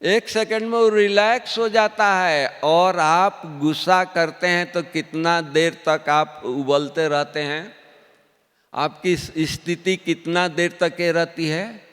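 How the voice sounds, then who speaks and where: A man giving a spiritual discourse as a teacher, often asking the listeners questions and repeating his points with pauses. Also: on the high side, steady tone, a bit bright, smooth. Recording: long hall reverb.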